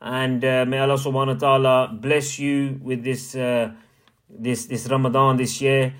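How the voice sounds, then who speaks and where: A man records a short message for a podcast. His voice sits mid-range and he talks in a relaxed, warm way, mixing slang with blessings. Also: medium pitch, normal speed. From West London. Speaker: caller sending a message.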